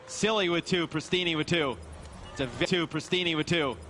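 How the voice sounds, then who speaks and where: A man's voice: fairly high pitch, fairly quick, bright, forceful tone, slight background noise. A man giving casual, analytical esports commentary as a caster.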